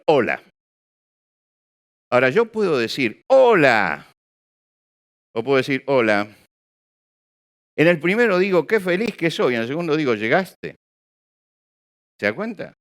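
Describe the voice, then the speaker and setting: A male preacher speaks to a congregation. His voice is fairly high for a man, smooth and resonant, and it moves freely up and down. He keeps the room with him through rhetorical questions and acted-out examples. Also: a bit bright. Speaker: pastor. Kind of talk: sermon. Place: church or hall with an audience.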